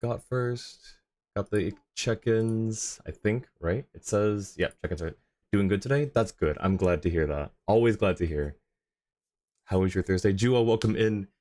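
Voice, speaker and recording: A man with a lowish, slightly mellow voice hosts a casual livestream at an unhurried pace. He chats with his viewers in a friendly way, taking turns thanking and greeting them.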